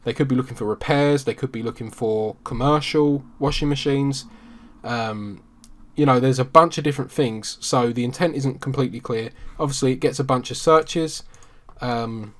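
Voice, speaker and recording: A man's voice: medium pitch, moderate pace. Man in a mid register, easygoing screen-share walkthrough with plenty of ums. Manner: relaxed, conversational, frequent ums. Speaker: SEO marketing instructor.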